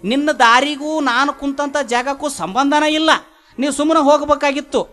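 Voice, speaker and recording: A man voicing a calm, unshaken holy man. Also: extremely high pitch, voice pushed up. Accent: North Karnataka Kannada. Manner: calm, plain-spoken, measured.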